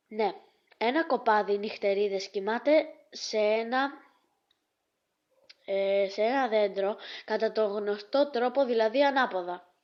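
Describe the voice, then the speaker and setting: Woman vlogger reading jokes out loud, kinda high voice, stumbles and restarts a lot, dull lo-fi sound. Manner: halting, with many restarts and hesitations; breaks off to chat to her dog. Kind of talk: casual joke reading.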